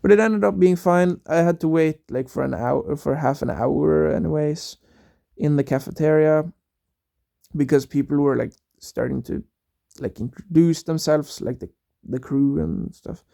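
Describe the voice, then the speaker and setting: A man's voice: a little high, measured pace, creaky, mellow. A young man telling a rambling, casual story, hesitant and full of fillers and restarts. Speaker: vlogger.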